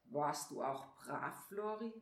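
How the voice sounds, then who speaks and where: A woman voicing Saint Nicholas, a stern but kindly old man who grumbles and gently scolds a child. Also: a little high, animated, a little slow. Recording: echoey room.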